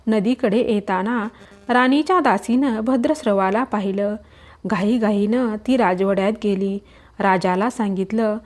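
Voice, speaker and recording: A woman slowly reading aloud a devotional story in a measured, solemn manner. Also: on the high side.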